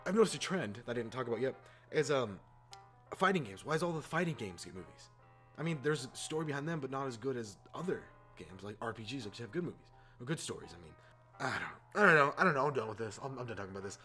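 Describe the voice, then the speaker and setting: Here a YouTube host vents his opinions in a loose, exasperated way, doubling up words to stress them. His medium-pitched, slightly bright voice swings widely in pitch and moves quickly over background music.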